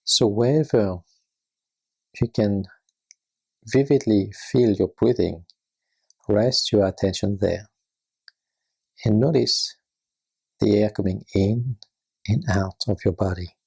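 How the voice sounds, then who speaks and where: A meditation guide leads a guided practice, gentle, soothing and unhurried. The deep voice is husky, breathy and creaky.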